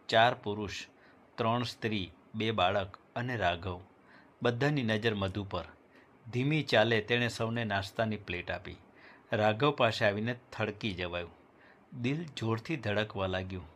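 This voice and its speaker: A man narrating a novel in a measured, dramatic storytelling manner. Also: fairly low pitch. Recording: loud background music.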